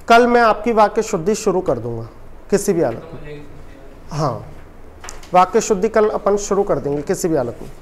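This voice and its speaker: The speaker is a male Hindi teacher whose voice sits high and sounds a little mellow. In his coaching-class lecture he drills students through call and response, firing questions at them repeatedly and answering them himself.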